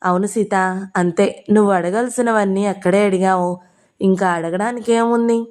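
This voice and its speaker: Woman narrator, audio novel, calm measured reading, medium pitch.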